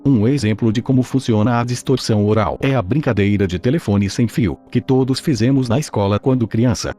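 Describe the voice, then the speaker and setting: A man's voice: fairly low pitch, mellow. A synthetic, robotic male voice with a Brazilian accent, reading scripted explanatory narration. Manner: robotic, synthetic text-to-speech delivery.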